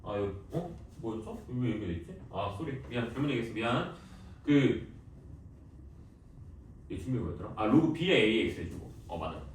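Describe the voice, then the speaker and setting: A male math teacher giving a classroom lecture, lively and teasing, quizzing students with quick questions. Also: on the low side, slight background noise. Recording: echoey classroom, voice from far off.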